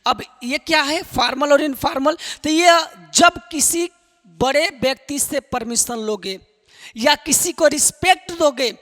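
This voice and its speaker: A man's voice: extremely high pitch, a little slow, a bit bright, long reverb tail. A man teaching spoken English to students, emphatic, repeating key phrases and asking the class rhetorical questions.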